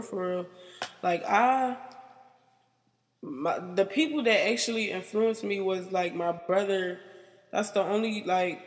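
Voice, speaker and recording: Halting young woman in a reverberant room. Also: mid-range voice. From United States. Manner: halting and rambling, filled with "like". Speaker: interviewee. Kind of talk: personal interview. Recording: long reverb.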